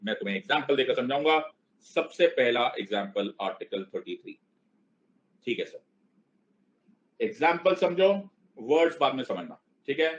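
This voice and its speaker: Playful teacher, slightly lo-fi sound. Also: male voice, mid-range voice, lively intonation, normal speed. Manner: playful, mixes Hindi and English, keeps checking understanding. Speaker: online civics teacher. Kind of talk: live class lecture.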